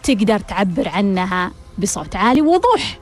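A woman's voice: mid-range voice, sing-song, fairly quick, faint music behind. A woman radio host, giving a reflective monologue with rhetorical questions and repeated key phrases.

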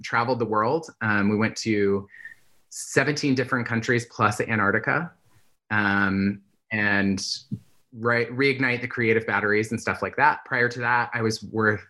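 A man from the Bay Area, a guest in a casual interview, talking in a relaxed, chatty way with lots of "like". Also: fairly low pitch, measured pace. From San Francisco Bay Area, US. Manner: relaxed and chatty, heavy use of "like". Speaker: guest, UX researcher.

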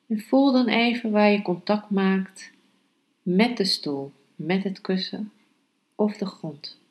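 Slow-paced woman teaching yoga and meditation. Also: mid-range voice. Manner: slow, measured, unhurried delivery with pauses. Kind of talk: calm instructional podcast and guided meditation.

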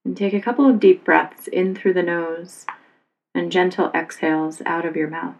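With a lowish, fry-heavy voice and a very steady pitch, a woman acting as a yoga instructor guides a relaxation at a calm, leisurely pace. Her instructions are simple and soothing, though the audio sounds dull.

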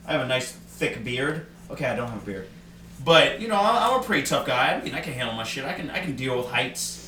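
A medium-pitched man co-hosts a casual podcast at a quick clip, very animated and sharp-toned, joking around, rambling and swearing freely. The mic sits at a distance in an echoey room, with a faint hiss.

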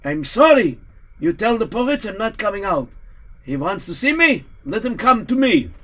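A man voicing a humble, pious old rabbi who talks softly and sighs. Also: high voice, big pitch swings, normal speed, pitched above the performer's own voice, heavily acted. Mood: firm. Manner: soft, sighing, lamenting. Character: pious elderly male rabbi, humble and sighing.

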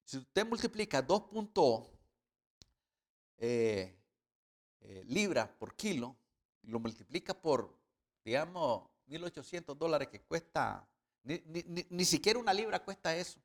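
A man preaching a sermon in Spanish, working through sums and retelling a parable with loud emphatic rises. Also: a little high, sing-song, unhurried, pauses often.

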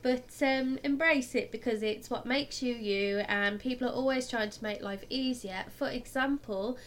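A woman with a croaky, under-the-weather voice chats casually as a podcast host. She pitches a little high and is giggly and jokey, with clear noise behind her. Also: moderate pace. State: poorly with flu or cold. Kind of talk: casual chat.

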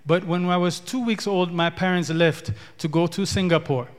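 A pastor from Ethiopia with a high-pitched, steady voice preaches a sermon at normal speed. He repeats words and builds in rising declarations, recorded with long hall reverb.

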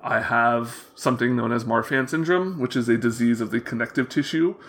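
A young man with prominent vocal fry talking openly in a casual interview, earnest and rambling, often backtracking as he tells his story. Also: medium pitch, fairly quick, fairly bright tone, a little hiss or hum. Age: young adult. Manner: hesitant, rambling, self-correcting storytelling; open, earnest. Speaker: interview guest.

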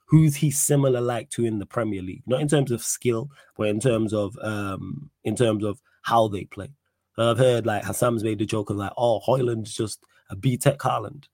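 Husky London roadman-accented man, slangy. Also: on the low side, moderate pace, a little mellow, no echo, studio quality. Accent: London, urban slang. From United Kingdom. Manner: slangy street-style talk, repeats himself for emphasis. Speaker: host of a football fan livestream. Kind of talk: casual live sports chat.

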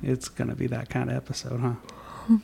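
A young man talks in a heavily gravelly voice and keeps his pitch flat. He chats in an easygoing, rambling way as a podcast co-host at home late in the evening, with a faint hiss under the recording. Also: moderate pace. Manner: easygoing, chatty, rambling with restarts. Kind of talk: casual chat. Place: home at night.

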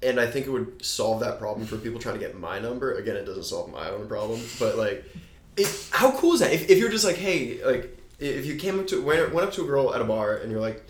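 A man's voice: medium pitch, very animated, fast talker, slight background noise. A slightly drunk man hosting a casual podcast chat in a slangy, loose way. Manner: slangy, sweary. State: a little drunk. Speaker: podcast host. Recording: roomy, echoey space.

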